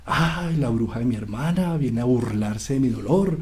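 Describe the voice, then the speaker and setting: A man's voice: medium pitch, animated, normal speed, a little mellow, lightly acted. A man voicing a furious, grieving underworld goddess, complaining dramatically.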